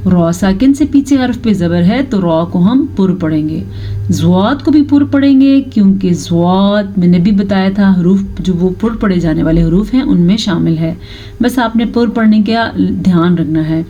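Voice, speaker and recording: Female tajweed teacher, warm low-key tone, chants slowly then explains briskly. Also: dull audio, a little hiss or hum. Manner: alternates slow drawn-out chanted recitation with brisk spoken explanation. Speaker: Quran recitation teacher. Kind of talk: tajweed lesson, explaining and demonstrating recitation.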